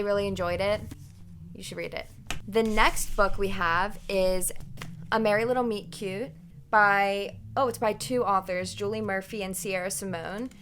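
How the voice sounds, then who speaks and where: A young woman with an average-pitched voice talks casually as a book reviewer. Her delivery is informal and rambling, like gossip between friends, slipping into quoted asides. There is clear ambient noise behind her. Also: fairly bright tone.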